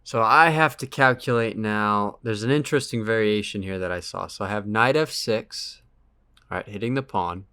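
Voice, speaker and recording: A man with a lowish voice talks through chess lines one move at a time, steady and methodical. He chats casually with a sparring partner and laughs easily. The sound is dry and close, with no room echo. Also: normal speed, smooth. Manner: methodical, calls out moves step by step, laughs easily. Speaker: chess player hosting a sparring session. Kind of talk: casual chess analysis chat.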